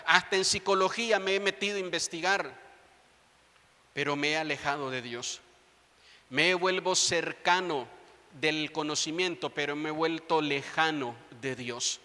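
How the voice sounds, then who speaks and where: A man's voice: high voice, pushed and bright. A man in his thirties preaching a sermon as pastor, appealing directly to his congregation with rising fervor. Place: large church hall. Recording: long church reverb.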